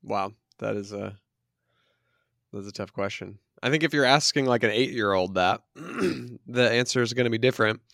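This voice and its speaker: A man's voice: mid-range voice, animated, moderate pace, vocal fry, a bit bright, no echo, clean studio sound. A man hosting a casual podcast discussion, posing questions in a thoughtful, tentative way. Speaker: podcast host.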